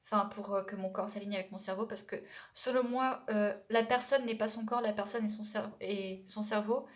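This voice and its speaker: A woman's voice: mid-range voice, steady tone, moderate pace. A young adult woman from France talking casually to her vlog audience, rambling and digressing with many hesitations and self-corrections. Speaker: YouTuber. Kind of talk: casual vlog chat to camera.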